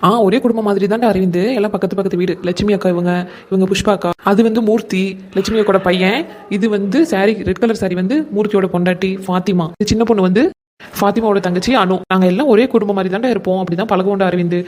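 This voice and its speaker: A woman's voice: mid-range voice, fairly even intonation, quick pace, a little mellow, close to an everyday voice. An affectionate young married woman in a cartoon, voiced by a woman with a mid-range voice. She talks at a breakneck clip. She is chatty and caring with her family and neighbours. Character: warm-hearted young married woman, emotional elder sister. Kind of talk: animated cartoon voice acting.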